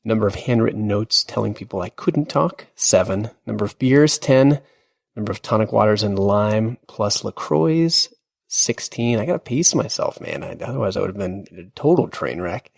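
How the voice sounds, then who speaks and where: A man with a fairly low voice narrates as a podcast host. His delivery is scripted but conversational. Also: lively intonation, moderate pace, vocal fry.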